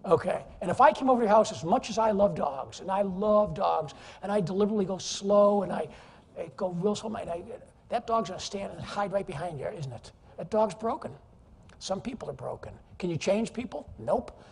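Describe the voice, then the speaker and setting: Husky, lively male keynote speaker. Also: high voice, brisk. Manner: animated, jokey, teases the audience. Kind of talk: energetic, humorous business presentation. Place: large conference hall, live audience. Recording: reverberant conference hall.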